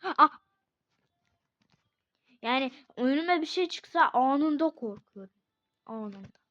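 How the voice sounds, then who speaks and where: Young woman, casual game commentary, high bright voice, excitable and prone to shrieks. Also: takes it slowly. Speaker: gaming video creator. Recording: dull lo-fi sound.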